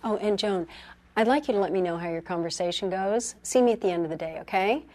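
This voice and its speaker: An actress playing a calm, caring senior doctor. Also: female voice, medium pitch, quick pace, close to an everyday voice. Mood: concerned. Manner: calm, directive, concerned. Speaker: supervising physician.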